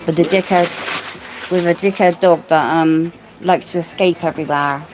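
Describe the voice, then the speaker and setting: A woman's voice: fairly low pitch, fairly even intonation, moderate pace, background noise. Teasing woman chatting over food. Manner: teasing, jokey, complains playfully. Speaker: livestream host. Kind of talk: casual chat while eating out.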